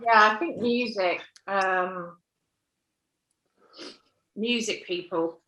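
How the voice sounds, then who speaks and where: A woman's voice: medium pitch, drawn-out words, bright, forceful tone. A woman chatting casually as an interview guest. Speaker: guest, company managing director. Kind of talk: casual chat. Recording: echoey room.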